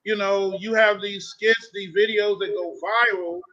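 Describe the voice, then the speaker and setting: Male host, bright tense voice; winding questions; dull lo-fi recording. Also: sits high, fairly even intonation, unhurried. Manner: long, winding questions with laughs. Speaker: talk show host. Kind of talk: interview questions. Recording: dull lo-fi sound.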